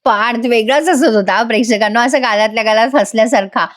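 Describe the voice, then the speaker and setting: A woman recaps a TV serial episode in a chatty voice-over, chiming in with her own asides to viewers. Her voice sits a little high and the tone is gossipy and familiar. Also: a little fast. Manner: gossipy, addresses viewers directly. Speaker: TV serial reviewer.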